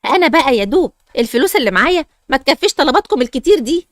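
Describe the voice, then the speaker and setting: A woman's voice: high voice, very animated, racing, no echo. A woman with an Egyptian accent playing a strict, tired mother who scolds her daughters impatiently, in a dry recording. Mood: stern. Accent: Egyptian Arabic.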